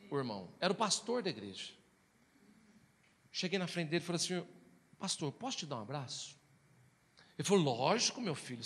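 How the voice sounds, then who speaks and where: A man preaching a storytelling sermon, animated, swinging between loud exclamations and hushed quiet. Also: fairly high pitch, breathy edge, big-room sound. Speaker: pastor.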